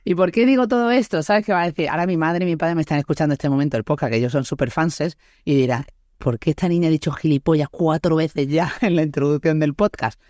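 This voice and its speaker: Her voice sits low with a darkish tone, and she moves at a quick pace. She's a woman in her thirties from Málaga, Andalusia, hosting a chatty, laughing podcast conversation peppered with tag questions, in clean studio sound with no room noise.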